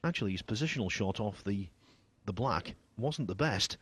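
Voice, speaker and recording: A man giving hushed snooker commentary in a measured, understated way, with a slightly husky voice. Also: lowish voice, expressive.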